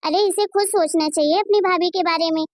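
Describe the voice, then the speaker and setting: A woman voicing a fair-minded middle-aged mother in a Hindi cartoon, lecturing her daughter in a high, sing-song tone. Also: fairly even intonation, brisk, a little hiss or hum. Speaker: voice actor.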